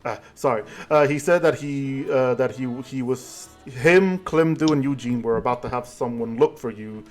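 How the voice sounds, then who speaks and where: A man's voice: medium pitch, moderate pace, darkish tone, soft background music. Hesitant male game master. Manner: hesitant, with many fillers and restarts. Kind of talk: narrating and voicing characters in a tabletop game.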